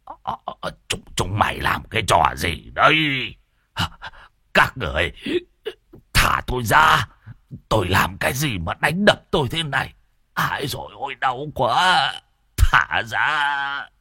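A man's voice: medium pitch, big pitch swings, unhurried, pushed and bright, slightly rough, no room sound, studio quality, pitched above the performer's own voice, heavily acted. A man voicing a frightened older village man who stammers and whimpers his pleas. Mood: whimpering panic.

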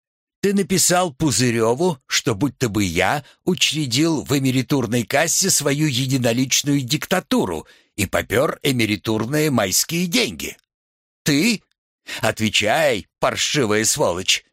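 A man's voice: medium pitch, lively intonation, unhurried, fairly bright tone, no room sound, studio quality, pitched above the performer's own voice. A man voicing a pale young male official with a metallic, harsh, imperious voice. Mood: furious.

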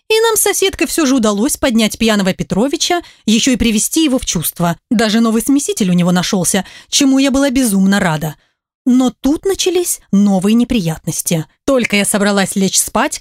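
A woman reading a first-person story aloud, lively and ironic. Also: a little high, fairly quick, no room sound, studio quality. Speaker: audiobook reader. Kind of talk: scripted first-person narration.

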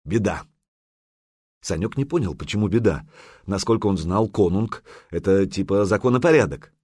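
A man reading an audiobook in a measured, even narration. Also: lowish voice, slightly rough, dry recording, clean studio sound.

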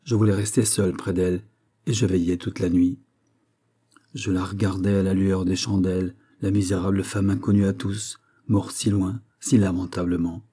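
Low husky-voiced man reading a classic story. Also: flat delivery, warm tone. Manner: measured, grave literary reading. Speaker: audiobook narrator. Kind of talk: scripted narration.

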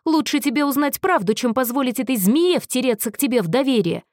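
A woman's voice: high voice, sing-song, fairly quick, dry recording, clean studio sound, pitched above the performer's own voice. A woman voicing a volatile, bitter young man on the edge of breaking down, snarling and accusing in a raised voice. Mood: furious, accusing.

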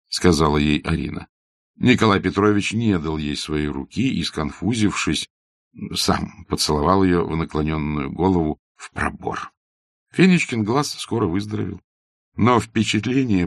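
A man narrating a classic novel as an audiobook in a measured, even reading. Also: low voice, gravelly, dry recording, studio quality. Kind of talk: scripted literary narration.

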